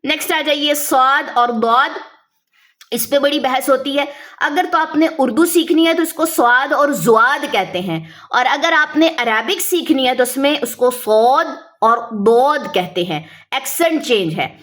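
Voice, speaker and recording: A woman with a high, bright voice teaches a beginners' class step by step. She explains each point patiently, then sounds out letters slowly and draws them long. Her tone stays clear and instructive. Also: animated. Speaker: Quran reading teacher. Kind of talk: step-by-step lesson.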